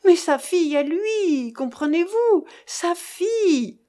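A woman voicing a distressed mother who cries out her words in shrill, urgent bursts. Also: animated, slow pace, warm tone, heavily acted. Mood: frantic. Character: distressed mother, frantic and pleading.

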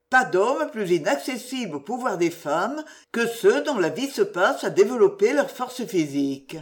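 A woman narrating an audiobook in a measured, expressive storytelling manner. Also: mid-range voice.

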